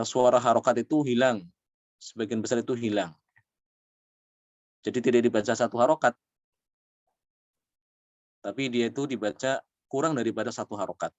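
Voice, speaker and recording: A man's voice: medium pitch, dry recording. Patient man teaching Quran recitation. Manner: explains patiently, often adding "ya"; slows down to demonstrate recited words. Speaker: tajwid teacher.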